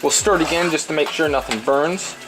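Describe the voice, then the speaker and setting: A man with a fairly high, brisk voice hosts a casual cooking video, rambling bluntly and crudely and repeating himself. The recording is clearly noisy with frying and stirring, and a sizzling pan, stirring and clicks fill the background.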